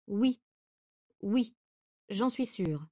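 A woman's voice: a little high, a little slow, dark tone, lightly acted. A woman voicing a trembling, tearful young wife. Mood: hesitant. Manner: hesitant, trembling, near tears. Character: anxious young wife, pleading under hypnotic command.

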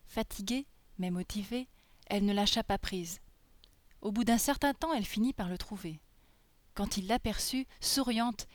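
Brief: woman storyteller, gentle read-aloud, mid pitch, dry close sound. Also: no echo. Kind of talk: reading a fairy tale aloud.

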